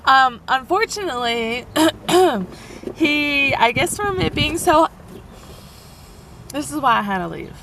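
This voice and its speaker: A young woman telling a story in a casual vlog, animated and rambling, full of fillers. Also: high voice, slow, long pauses, a little hiss or hum. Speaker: van life vlogger. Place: inside a parked camper van.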